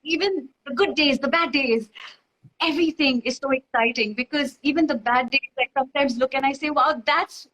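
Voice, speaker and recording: A woman's voice: high-pitched, moderate pace, a bit bright, poor audio. A woman from Dubai, a guest in casual chat, talking in a rambling, bubbly way full of fillers and restarts. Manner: rambling, bubbly, many fillers and self-corrections.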